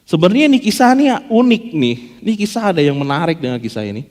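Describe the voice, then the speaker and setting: A slightly high male voice moves fast through a lighthearted sermon. The pastor stays animated, acting out quotes and cracking jokes, his words echoing with long hall reverb in the church.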